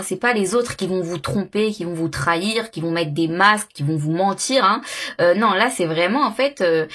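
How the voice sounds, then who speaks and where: Woman, tarot reader, breathy husky tone, hesitant, lots of fillers, repeats herself, casual reading to camera. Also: medium pitch, a bit bright. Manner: hesitant, many fillers and repeated words, intuitive musing.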